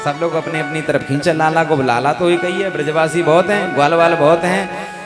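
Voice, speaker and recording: A man preaches a devotional sermon, sometimes chanting Sanskrit verses. His voice sits fairly high and often sinks low and soft at the ends of phrases. Instrumental music plays clearly behind him. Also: fairly even intonation, moderate pace. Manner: storytelling, drops voice low and soft at line ends. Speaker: Bhagavat katha preacher. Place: live katha gathering with music accompaniment.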